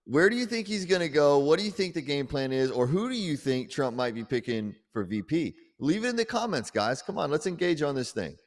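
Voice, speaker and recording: A man co-hosting a casual political chat show, talking in an animated, rambling way and often repeating words. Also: fairly high pitch, a little fast, few pauses, big-room sound. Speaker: podcast co-host.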